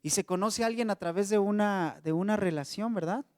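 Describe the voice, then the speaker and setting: A Mexican man with a fairly high voice preaching a sermon, talking to his congregation in a friendly, conversational way. His voice sits close and dry, with a long reverb tail from the hall around it. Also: brisk. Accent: Mexican Spanish. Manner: conversational, addresses congregation as brothers.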